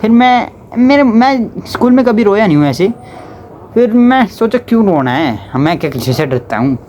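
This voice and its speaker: A young man tells a casual storytime in a high-pitched voice that thickens when he quotes relatives and teachers. His delivery is chatty and loose. A faint hum of background noise sits under the recording. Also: big pitch swings, moderate pace, a little mellow. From Haryana, India. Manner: chatty, slips into dialect when quoting others.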